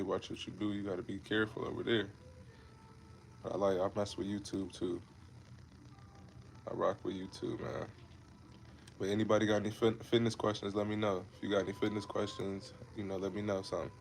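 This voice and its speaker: This fitness creator, a man in his twenties from Ohio, hosts a livestream and talks to viewers in a relaxed, repetitive way, tossing out "bro" and "man." He speaks low and gravelly, briskly and in a level tone, over slight background noise.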